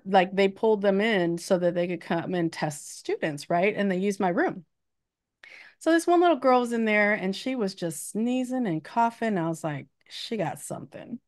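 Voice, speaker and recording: A woman's voice: mid-range voice, lively intonation, normal speed. Chatty woman teacher getting over a cold. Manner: chatty storyteller, laughs often. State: recovering from illness. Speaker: math educator, co-host. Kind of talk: casual podcast chat.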